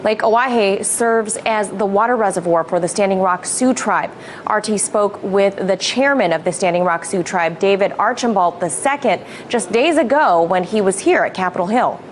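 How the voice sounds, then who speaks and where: A woman news reporter reading a scripted report in a steady, measured way. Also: medium pitch, slight background noise.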